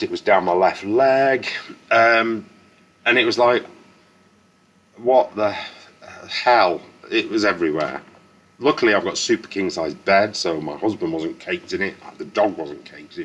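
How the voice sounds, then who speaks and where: A man's voice: sits low, normal speed, fairly bright tone, husky. A man in his fifties telling a personal story to camera, frank and earnest, often restarting sentences and swearing. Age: 50s. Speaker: vlogger.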